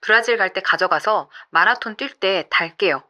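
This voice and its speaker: A woman storyteller voicing a brash, boastful young male runner who blusters and then pleads, in her own lively voice. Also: high voice, normal speed. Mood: polite request.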